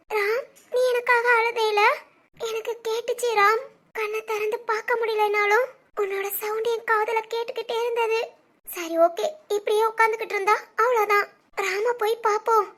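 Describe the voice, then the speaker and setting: A woman voicing a fragile, devoted young wife in a cartoon family drama, talking in a tearful, pleading way. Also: a bit bright. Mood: worried. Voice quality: very high, girlish.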